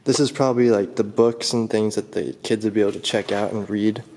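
A young urban explorer chats casually to viewers through a handheld camera mic while wandering a large, empty abandoned building, sounding curious and talkative. His voice is fairly low, steady and darkish, a little fast, with slight hiss or hum.

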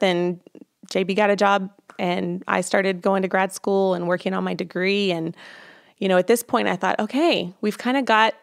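A woman in her thirties, a counselor, talking candidly and reflectively as an interview guest, with frequent ums. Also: medium pitch. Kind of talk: conversational interview.

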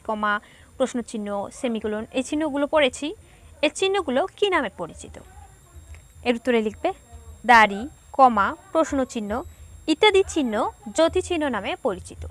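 High-voiced woman teaching a class. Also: a bit bright. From Bangladesh. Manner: patient, explains step by step to pupils; reads questions aloud, then dictates answers. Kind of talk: online class lesson.

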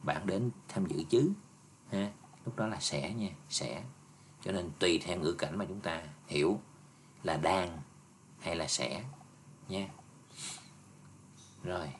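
A man's voice: deep voice, slow pace, long pauses, fairly bright tone, a little hiss or hum. A male teacher patiently reviewing an English exam step by step for his students. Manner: patient, explaining step by step with frequent "nha" and "nè".

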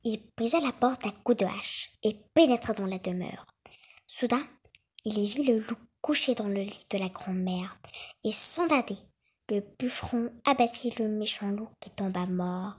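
A woman narrating a children's fairy tale in an expressive, dramatic storytelling manner. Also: mid-range voice, moderate pace, breathy edge.

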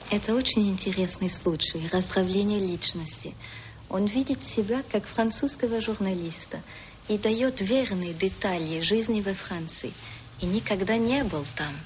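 An actress playing a detached Soviet psychiatrist. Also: female voice, mid-range voice, unhurried, a little hiss or hum, natural voice. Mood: clinical. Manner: detached, clinical. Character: clinical female Soviet psychiatrist. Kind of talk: 1980s television drama acting.

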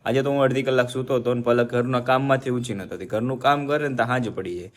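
A young man hosting a family vlog, rattling along at a brisk clip in a mid-range voice. He chats casually and playfully, teasing and talking straight to his viewers. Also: mid-range voice, steady tone.

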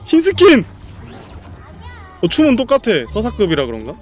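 A male streamer commentating his own live game stream, excitable and profane, laughing often. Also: extremely high pitch, normal speed, soft background music.

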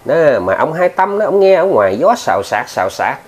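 Lively Southern Vietnamese storyteller man. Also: a little high, fairly quick, slightly rough. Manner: chatty, addresses listeners often, many filler words. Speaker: ghost story narrator, channel host. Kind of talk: casual spoken storytelling.

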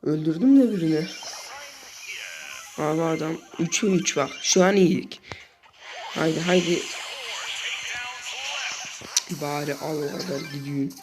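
Excitable young man commentating his game. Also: on the high side, unhurried, long pauses. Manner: excitable, frequently exasperated outbursts. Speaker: gaming channel host. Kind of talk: live gameplay commentary. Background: game music.

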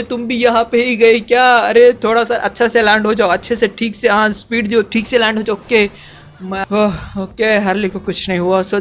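A man giving excitable, chatty gameplay commentary as a channel host, often dropping in English fillers. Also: high voice, slight background noise.

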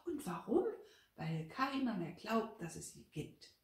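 A woman's voice: mid-range voice, big pitch swings, measured pace. A woman voicing a stern, superstitious old head maid who talks in a scolding, preachy way. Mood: ominous. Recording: roomy, from a distance.

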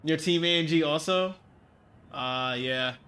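A young man with a blocked nose chats casually while streaming a racing game at home, reading chat out loud and joining in the jokes. His slightly high voice is unhurried, pushed and bright, with a clear, resonant tone. He uses a desk mic, and the framing is webcam-style.

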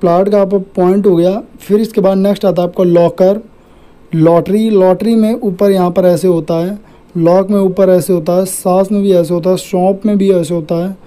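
A woman's voice: lowish voice, steady tone, normal speed, mellow, rough recording. A woman teaching a Hindi shorthand lesson, going through words one by one and checking each point with the class. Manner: repeats "theek hai" after each point, patient and methodical. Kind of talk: explaining a lesson on screen.

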